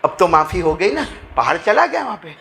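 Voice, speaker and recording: A man preaching a storytelling sermon to a mosque gathering, moving from hushed narration to shouted, dramatic climaxes and joking with his listeners. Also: high voice, big pitch swings, creaky, slight background noise. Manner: jokes and chides the audience directly.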